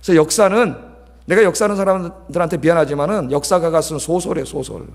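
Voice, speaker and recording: A man's voice: on the high side, fast. A middle-aged male pastor preaching a sermon, talkative and scolding, often checking in with the congregation. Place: large church sanctuary. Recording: long church hall reverb.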